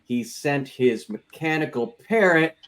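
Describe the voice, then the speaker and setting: A man's voice: a little high, expressive, unhurried, fairly bright tone. A man chatting casually and jokingly as a player in a tabletop game.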